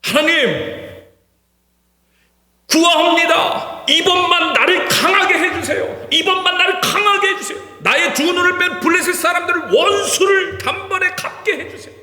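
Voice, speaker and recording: A man's voice: very high voice, normal speed, bright, forceful tone, pitched above the performer's own voice, heavily acted. A male pastor acting out a blinded, captive strongman begging God for one last burst of strength. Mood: crying out. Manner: pleading, crying out in prayer. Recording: reverberant church hall.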